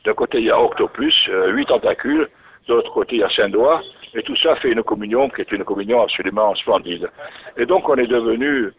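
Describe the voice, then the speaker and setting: A man's voice: medium pitch, sing-song, fairly quick, husky. A man telling his story as an interview guest, musing and often restarting his phrases. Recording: tinny narrowband radio recording.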